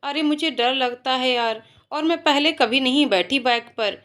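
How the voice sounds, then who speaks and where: A feisty young office woman, lively and quick to protest, with a high bright voice, as a storyteller voices her. She talks like a frank friend among coworkers. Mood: fretful.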